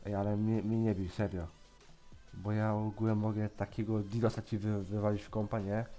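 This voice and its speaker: A man's voice: lowish voice, level tone, moderate pace, warm tone, soft background music. A man chatting casually while gaming, teasing and pranking another player as a YouTuber. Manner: teasing, joking, playfully mocking.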